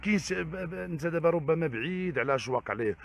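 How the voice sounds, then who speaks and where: Fast-talking Moroccan man, probing interviewer. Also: a little high, animated, vocal fry, a little hiss or hum. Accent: Moroccan Arabic. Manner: probing, pushes with follow-up questions. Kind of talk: street interview questioning.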